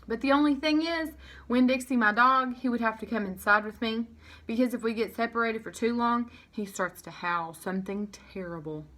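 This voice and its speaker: A woman's voice: fairly high pitch, normal speed, a bit bright, close to an everyday voice. A woman voicing an earnest young girl in a storybook, polite, folksy and eager to persuade. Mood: earnest pleading.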